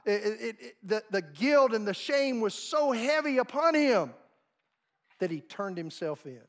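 A man preaching a sermon, telling stories with emphasis and big swings between loud and soft. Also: sits high, lively intonation, a little slow. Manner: storytelling, emphatic, dramatic swings in volume. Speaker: pastor.

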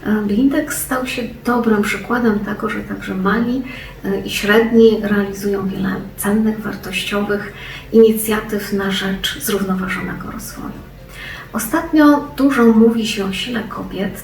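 A woman's voice: mid-range voice, gravelly. A woman giving a prepared company statement, hesitating often with fillers. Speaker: company representative. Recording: echoey room, distant mic, faint noise.

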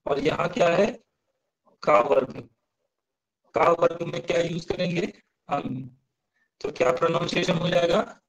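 A Sanskrit teacher patiently walks his class through pronunciation at an unhurried pace, step by step, questioning students and sounding out verses syllable by syllable. His slightly high voice has a gravelly, fry-laced edge, and the recording is rough.

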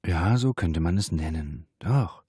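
A man voicing a pushy, unkempt big Dutch colleague in a low, dark, sly manner. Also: expressive, measured pace, husky, no echo, clean studio sound, full character voice. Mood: leering. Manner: leering, sly.

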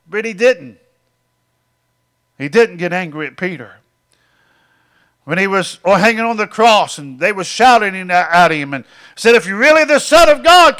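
A man's voice: high voice, pushed and bright, clean tone. A middle-aged man preaching a sermon, dropping in frequent amens and repeating his phrases as he goes.

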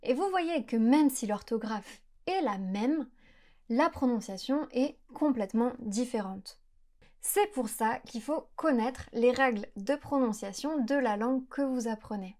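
Young woman from France, French tutor; fairly high voice, clear careful delivery, explains and models sounds slowly. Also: expressive, warm tone. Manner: clear, careful pronunciation with slowed examples. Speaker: French teacher. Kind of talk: explanatory lesson to camera.

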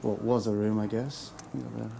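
Gravelly yet mellow, this fairly low voice belongs to a young English urban explorer talking quickly and with little pitch movement. He makes crude jokes and swears a lot as he picks his way through a dark, burnt-out abandoned building, with noisy handheld camera audio.

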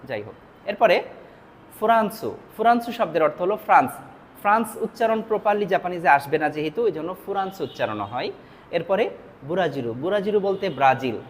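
A man with a Bangladeshi Bengali accent teaching Japanese vocabulary, repeating each word and its meaning slowly. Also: high voice, expressive, slight background noise. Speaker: language teacher. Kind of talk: vocabulary lesson.

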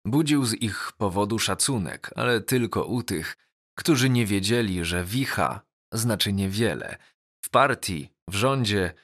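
A man reading a novel aloud as an audiobook, in measured, deliberate first-person narration. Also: on the low side, expressive, fairly bright tone.

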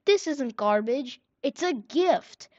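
A woman voicing a neighbor who yells loudly from behind a gate in a storybook. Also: high-pitched, expressive, slow pace, no echo, voice pushed up. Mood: shouting. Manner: loud, indignant then surprised. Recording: dull, dry recording.

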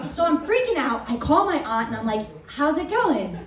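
A woman doing a stand-up comedy set, telling a story in a profane, animated way. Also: sits high, normal speed, recorded from a distance. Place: comedy club stage. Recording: echoey club mic heard from afar, loud crowd. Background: audience laughter.

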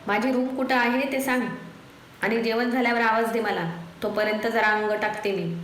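A woman's voice: a little high, steady tone, normal speed, fairly bright tone, natural voice. A woman voicing a stubborn, domineering older mother who makes demands and reproaches her son. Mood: demanding. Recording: echoey room with faint noise.

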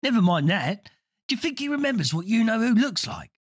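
A man reading a storybook aloud, voicing joking teenage twin brothers with in a quieter, raised voice. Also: a little high, very animated, brisk, slightly rough, no echo, studio quality, voice pushed up. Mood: teasing. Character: cheeky teenage twin boys, jokers.

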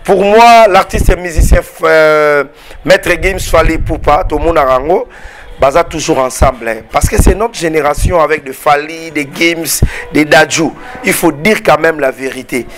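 A man's voice: on the high side, moderate pace, slight background noise. A Congolese man in his thirties with a Congolese French accent mixed with Lingala, interviewing with short eager prompts on a handheld mic outdoors. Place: outdoor porch of a building.

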